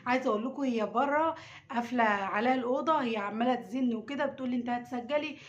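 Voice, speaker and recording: A woman's voice: a little high, very fast, dull audio. A woman with an Egyptian accent chatting casually to camera, teasing and repeating herself, filmed on a phone at home. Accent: Egyptian Arabic. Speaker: mother filming a prank on her daughter. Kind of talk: casual vlog talk to camera. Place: home indoors.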